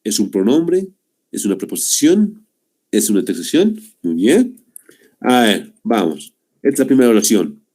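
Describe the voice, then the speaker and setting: Through a video call, a young man leads an online class, his fairly low, mellow voice showing big pitch swings at a moderate pace. He lays things out patiently, with "¿no?" after each point and a recurring "muy bien."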